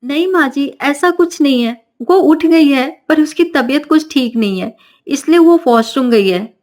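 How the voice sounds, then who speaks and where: A woman's voice: high voice, expressive, unhurried, a little mellow. A woman doing a polite, dutiful elder sister-in-law. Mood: pleading. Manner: pleading, polite.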